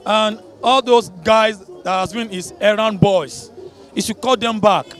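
Young Nigerian man, very high voice, earnest and halting, street vox pop. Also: fairly even intonation, a bit bright, faint music behind. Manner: pleading, stumbles and repeats words. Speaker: passer-by in street interview. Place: busy city street outdoors. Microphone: handheld mic held by interviewer.

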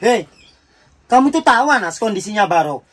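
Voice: mid-range voice, very animated, a little fast, husky. A performer voicing a fretful older sister in a comedy sketch. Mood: worried. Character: worried older sister Lela, young adult woman.

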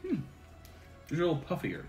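Man, guest, lively pitch, relaxed tasting chat, faint music. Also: quick pace, reverberant. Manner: easygoing, offers tasting notes.

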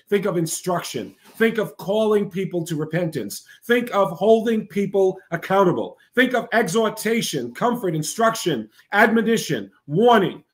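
A man with a notably high voice preaches in a broadcast sermon. His delivery is emphatic and repetitive, with steady "right?" and "all right?" checks to his listeners. He builds points through chanted lists. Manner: emphatic, repetitive cadence with frequent "right?" asides. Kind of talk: preaching to a live online audience.

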